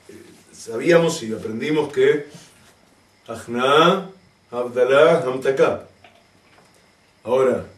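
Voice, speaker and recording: In a community hall, a rabbi gives a Torah lesson to the community, speaking emphatically with rhetorical questions and wry asides. His voice is medium-pitched. He is far from the mic, and the recording has a roomy echo.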